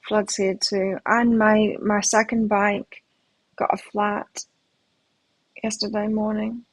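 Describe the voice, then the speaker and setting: Speaking slowly with a medium pitch that barely moves, this middle-aged woman, whose accent mixes British and Australian, talks through a live tarot reading, thinking out loud as she goes. The audio has no echo but is poor quality.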